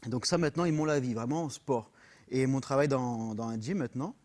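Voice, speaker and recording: A man from France with a French accent, guesting as a personal trainer on a radio interview, earnest and halting, with many fillers and English words mixed in. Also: medium pitch, darkish tone.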